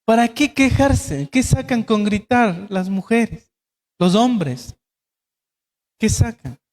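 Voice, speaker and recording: A man's voice: high-pitched, slow pace, a little mellow, long reverb tail. A man preaching a sermon as pastor, asking his congregation rhetorical questions. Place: church.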